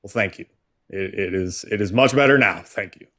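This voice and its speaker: A man's voice: on the low side, normal speed, pushed and bright. A man in his thirties co-hosting a live stream, reading supporter messages aloud in an easy way. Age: 30s. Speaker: co-host.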